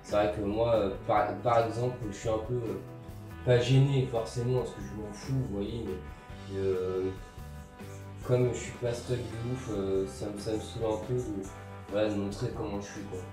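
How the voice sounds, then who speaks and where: A young man with a lowish voice talks casually through a DIY sewing tutorial while he works, relaxed and filling pauses with little interjections and plenty of "hop, voilà." He's in a bare indoor room with a grey wall, picked up by a distant camera mic, with roomy echo and faint music.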